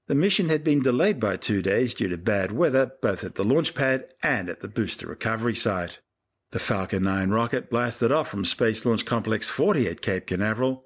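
A man's voice: mid-range voice, fairly bright tone. A man with an Australian accent reading scripted science news as a show host.

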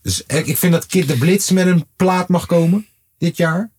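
A man with a husky, slightly breathy voice that sits fairly high for a man. He co-hosts a podcast in loose, slang-filled chat, often jumping up into lively exclamations. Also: normal speed. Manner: slangy, animated, bursts into high-pitched exclamations. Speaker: podcast co-host; father. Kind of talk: casual chat.

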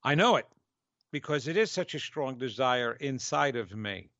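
Man, New York accent, radio host, spiritual teacher, emphatic conversational delivery, middle pitch, dry close sound, slightly lo-fi. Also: animated, moderate pace, a bit bright, dry recording. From New York, United States. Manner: emphatic, talks in stretched key words and acted-out dialogue.

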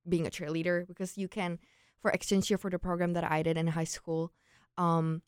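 Her lowish voice is flat and a little fast, clean and dry in a studio recording. She's a young Czech woman who grew up in Prague, a former exchange student being interviewed, casually sharing personal stories with a Czech accent, lots of "like," and quoted thoughts.

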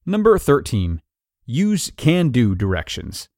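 A man narrating an article of numbered tips in a clear, even, scripted read-aloud delivery. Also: medium pitch, slow, dry recording, clean studio sound.

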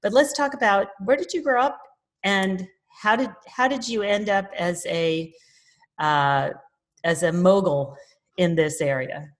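A woman's voice: medium pitch, measured pace. A woman hosting a podcast interview, introducing her guest in an upbeat, effusive way. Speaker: podcast host.

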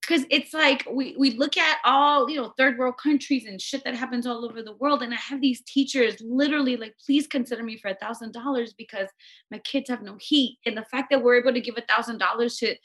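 A woman's voice: a little high, steady tone, brisk, fairly bright tone. A woman from Los Angeles, a radio co-host, chatting casually and emotionally as a podcast guest, full of "you know what I mean".

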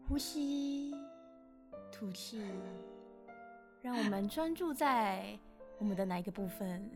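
A woman imitating a yoga teacher who guides breathing in a hushed, airy, ethereal voice that sounds disembodied. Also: mid-range voice, slow pace, music in the background. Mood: soothing.

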